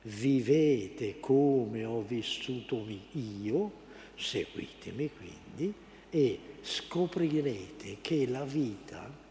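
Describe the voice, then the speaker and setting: Slow-speaking priest giving a homily. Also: male voice, mid-range voice, a little mellow, reverberant, long reverb tail, a little hiss or hum. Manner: unhurried, halting, searching for words.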